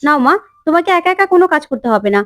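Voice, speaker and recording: A kindly mother-in-law who talks in a soothing, motherly way, read out by a woman. Her voice is high and gentle. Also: lively intonation, very fast, no echo, studio quality.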